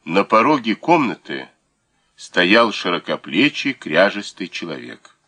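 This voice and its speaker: Deep-voiced expressive male audiobook narrator. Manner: expressive, measured storytelling.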